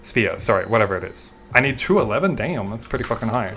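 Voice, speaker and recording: A man's voice: on the low side, animated, quick pace, over music. Laid-back Australian man streaming a game. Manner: chatty, laid-back, swears casually. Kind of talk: casual gameplay commentary, answering chat.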